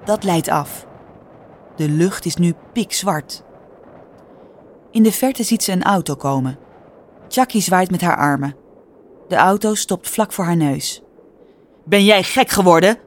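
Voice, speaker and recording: A woman with a Dutch accent reading a children's story aloud in a calm, clear storytelling manner. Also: fairly low pitch, a little slow, long pauses. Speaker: narrator. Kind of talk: scripted storybook narration.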